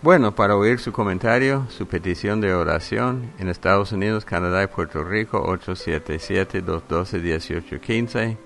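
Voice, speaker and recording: Low, gravelly male devotional host. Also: a bit bright. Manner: reads out phone numbers in measured groups. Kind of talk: program sign-off announcement. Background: music.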